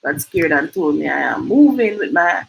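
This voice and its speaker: A woman's voice: low voice, animated, moderate pace, gravelly, rough recording. A Jamaican woman hosting a livestream, giving emphatic motivational advice and slipping into patois. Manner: emphatic, preachy, switches into patois. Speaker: host.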